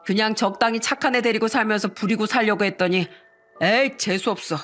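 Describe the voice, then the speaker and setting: A woman's voice: medium pitch, brisk, a bit bright, faint music behind, lightly acted. A woman reading the lines of a young male con-man fiancé, mocking and threatening in a synthetic-sounding voice. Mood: sneering.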